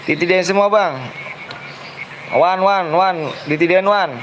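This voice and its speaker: A man with a Jakarta Betawi accent streaming a game, talking quickly and repeating himself as he coaxes other players. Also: high voice, steady tone, fairly bright tone, a little hiss or hum, low-quality recording. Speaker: streamer running a custom game room. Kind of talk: live game stream chat. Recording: music playing behind.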